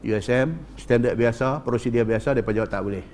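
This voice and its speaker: A male preacher with a northern Malay accent giving a religious lecture, telling stories in an animated way, addressing the audience and repeating for emphasis. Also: mid-range voice, a little fast, a little hiss or hum. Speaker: Islamic preacher.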